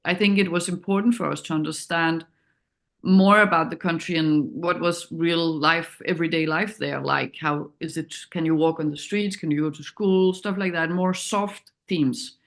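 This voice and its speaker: Her voice sits low and her intonation stays fairly even as she talks at a moderate pace. A Danish woman with a Danish accent, she is being interviewed as a documentary director and reflects carefully, hesitating while she looks for words.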